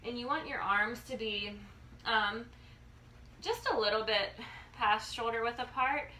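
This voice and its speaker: Bright-voiced woman coaching exercise, noisy recording. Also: on the high side. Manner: halting, instructional, checks in with "okay". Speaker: fitness coach demonstrating exercises. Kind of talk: casual exercise demonstration. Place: living room, indoors. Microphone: phone or camera a few feet away. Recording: noisy home video, phone mic.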